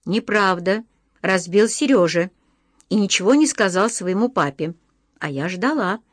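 A calm, stern older neighbour lady from a storybook, read by a woman narrator. She speaks quietly and reproachfully, in a mid voice. The recording is dry and close. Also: medium pitch, measured pace, dry recording.

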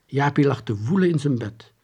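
A man reading a children's book aloud in a lively storytelling manner. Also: normal speed, breathy edge, muffled recording. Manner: lively storytelling with varied pitch. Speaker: audiobook reader. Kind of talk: scripted narration of a children's book.

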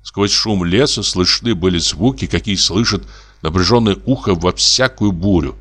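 A man narrating a classic short story as an audiobook, in a measured, expressive storytelling manner. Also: sits low.

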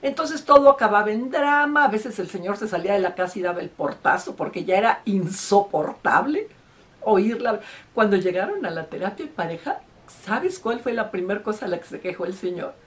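A woman's voice: medium pitch, expressive, normal speed. A woman, a couples therapist, giving advice in an emphatic way and repeating words for stress. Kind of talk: advice talk to camera.

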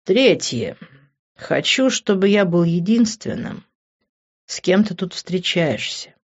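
A woman's voice: lowish voice, sing-song, takes it slowly, highs cut off, exaggerated voice. A woman reading a curt, hot-tempered young man. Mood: teasing. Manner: blunt and irritable, swears.

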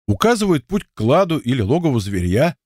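A man's voice: mid-range voice, very animated, a little mellow, dry recording, clean studio sound. Man reading as Mordey, a boastful young dancer. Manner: boastful, quick to take offence. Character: boastful young male dancer, tall-tale teller.

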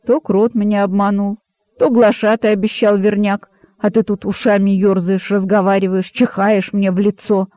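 A man's voice: high voice, level tone, normal speed, dry recording, natural voice. A man voicing a peevish hissing boa. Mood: irritated. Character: irritable hissing male boa, sulky. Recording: dry, narrow phone-like sound.

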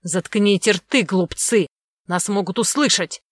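A woman voicing a cruel, scheming prince who barks slow, loud, menacing commands. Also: lowish voice, dry recording, close to an everyday voice. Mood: furious. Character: cruel scheming middle-aged male prince villain.

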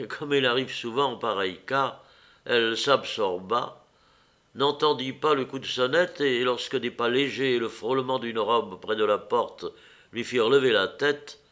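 A man reading a classic novel aloud as an audiobook narrator, in a measured, unhurried way. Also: medium pitch, sharp tone. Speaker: audiobook reader.

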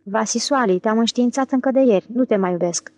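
A woman's voice: a little high, a little mellow, no room sound, natural voice. A blunt, impatient wife speaks curtly in this audiobook scene, read by a woman in her own voice. Her irritation stays plain and unadorned. The sound is dry and close. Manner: curt and irritated.

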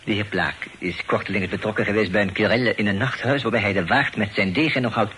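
In a Dutch radio play, a male actor portrays a sly, polite, teasing portrait painter and landlord with a French accent, halting phrasing, and scattered French words. His voice is fairly low and sharp-toned, and his mood is knowing and confidential. The old recording is noisy.

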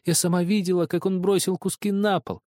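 A shrill, high voice for a spiteful older sister, shrieking accusations and whining through tears, as a man puts her on. the sound is close and dry. it reads like a storybook voice. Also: flat delivery, fairly quick, a little mellow, no echo, natural voice. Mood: tearful accusing.

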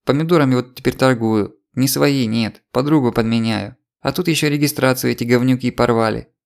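A man's voice: medium pitch, vocal fry, close to an everyday voice. A man voicing a scheming female market trader with a Ukrainian accent, rattling off tearful complaints. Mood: wheedling complaint. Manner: rapid tearful patter, complaining. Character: sly chattering market trader woman, scheming.

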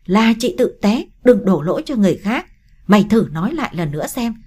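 A woman voicing a brash, sharp-tongued young woman in an audiobook story. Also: mid-range voice, very animated, breathy edge. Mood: taunting. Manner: cheeky, quick to pick a fight. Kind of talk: audiobook character reading.

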